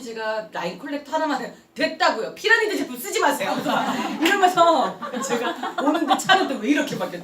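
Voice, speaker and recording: A woman in her thirties giving a motivational seminar talk, telling animated stories and laughing often. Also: on the high side, slight background noise. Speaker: network marketing speaker. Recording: echoey room, heard from a distance.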